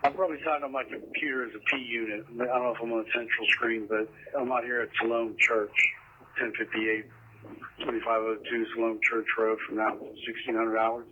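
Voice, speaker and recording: A man's voice: medium pitch, level tone, fairly quick. A man reporting in as an officer over a police radio. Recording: tinny radio line with static.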